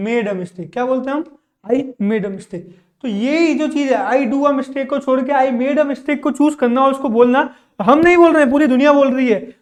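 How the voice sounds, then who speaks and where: A male teacher leading a spoken English lesson, asking questions and then answering them himself. He mixes two languages freely and keeps checking in with his class. Each English example comes out slow and deliberate. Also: extremely high pitch. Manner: reads English example sentences slowly and deliberately; mixes Hindi and English, repeats a verbal tic meaning "okay".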